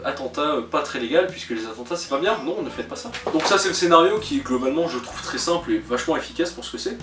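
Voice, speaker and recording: A man's voice: a little high, a bit bright, distant mic. Hesitant man reviewing a film. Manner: hesitant, many "euh" fillers and self-corrections; joking asides. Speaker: film reviewer, channel host. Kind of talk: casual spoken film review. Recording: roomy echo, voice a bit off-mic, faint music behind.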